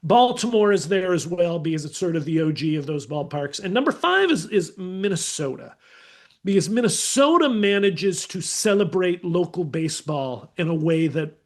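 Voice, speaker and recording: High-voiced man telling lively stories. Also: normal speed. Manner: animated, acts out voices in anecdotes. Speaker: podcast guest. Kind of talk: casual storytelling.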